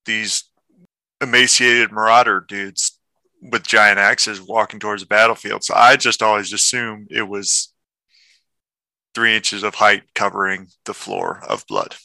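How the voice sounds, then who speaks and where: A man's voice: on the low side, steady tone, unhurried, gravelly, sharp tone, no room sound. A man guesting on a casual podcast, with a dry, teasing sense of humor.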